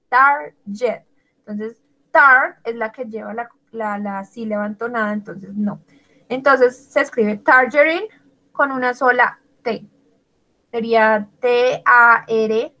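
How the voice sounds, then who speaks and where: A woman's voice: on the high side, pushed and bright, poor audio. A woman teaching an English grammar class in Spanish, spelling out words letter by letter and praising her students by name. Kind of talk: online class explaining grammar.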